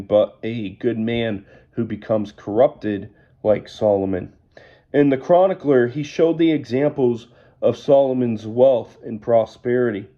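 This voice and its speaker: A man leading an evening Bible study, reading scripture aloud and then explaining it in a measured way. He says he is losing his voice. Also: medium pitch, warm tone, dull audio.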